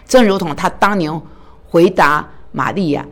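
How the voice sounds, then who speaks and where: A woman's voice: fairly low pitch, a little slow. A woman preaching a sermon in an earnest way, often putting questions to her listeners. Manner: earnest, asks the listeners many rhetorical questions.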